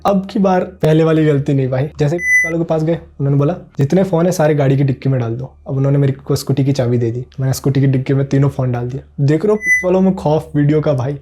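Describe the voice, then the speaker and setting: A young man telling a personal story casually and self-mockingly, acting out the voices of the people in it. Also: fairly high pitch. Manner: animated, self-mocking, acts out quoted voices. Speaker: vlogger.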